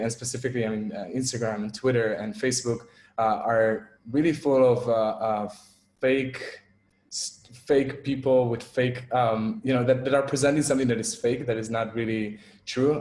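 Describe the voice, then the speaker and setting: A man's voice: lowish voice, darkish tone, roomy sound. A young man from Israel giving an online talk as guest speaker, hesitant, with many fillers and restarts.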